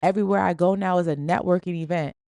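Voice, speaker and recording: A woman's voice: lowish voice, fairly even intonation, fast talker, mellow, no room sound. A woman hosting a podcast, giving an emphatic, slangy, preachy motivational talk in a casual style. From Springfield. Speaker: podcast host.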